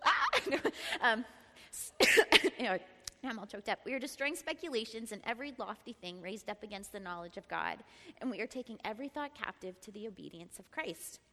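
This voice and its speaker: Bright-voiced woman teaching in a reverberant hall. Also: mid-range voice, fairly quick. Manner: lively, laughs often, prompts the group to repeat. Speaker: teacher at a church Bible study. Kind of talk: Bible teaching talk. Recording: long reverb in a large room.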